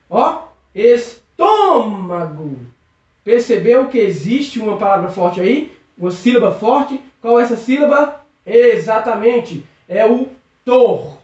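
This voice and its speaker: A man's voice: very high voice, darkish tone. A man teaching a recorded video lesson, patiently drawing out syllables and checking in with "okay?" again and again. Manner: patient, drawn-out stressing of syllables, constant check-ins. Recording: echoey room, distant muffled mic.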